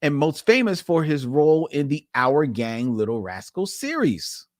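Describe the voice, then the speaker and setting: A man's voice: fairly high pitch, very animated, unhurried, no echo, clean studio sound. A man co-hosting a podcast in casual chat, laughing often and reading listener posts aloud. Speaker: podcast co-host.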